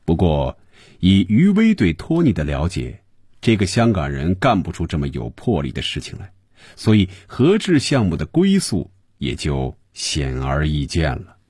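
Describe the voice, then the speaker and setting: A man narrating a novel in an expressive storytelling manner. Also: low voice, moderate pace, slightly rough, dry recording, studio quality. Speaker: audiobook narrator.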